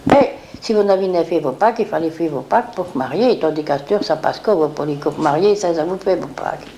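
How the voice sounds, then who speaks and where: A woman's voice: deep voice, lively intonation, fast, warm tone, a little hiss or hum. An older woman, reminiscing in a rambling way and acting out what others said. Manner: rambling, acts out quoted speech. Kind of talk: reminiscing oral history.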